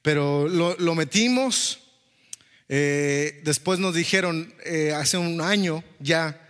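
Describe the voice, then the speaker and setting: A man's voice: fairly high pitch, slow pace. Guy preaching in church, tells his story acting out all the lines, echo from a big hall. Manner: storytelling, animated, acts out dialogue. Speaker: pastor. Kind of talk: sermon testimony.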